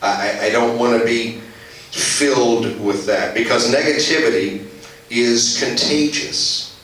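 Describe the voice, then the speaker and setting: Pastor preaching in a very echoey hall. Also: male voice, medium pitch. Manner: deliberate preaching, slowing and dropping soft on key phrases. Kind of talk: sermon. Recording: very echoey church hall, voice from a distance.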